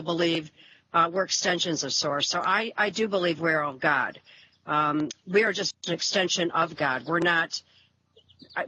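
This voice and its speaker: A woman's voice: on the low side, bright, forceful tone, slight background noise, poor audio. A woman who teaches about energy, appearing as a guest and explaining earnestly in casual chat.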